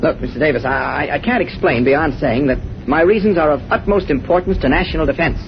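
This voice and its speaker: A man's voice: on the high side, fast, background noise, lightly acted. A man playing an earnest, determined young American newspaper reporter with clipped, urgent delivery in 1940s radio acting. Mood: insistent. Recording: dull vintage 1940s radio recording.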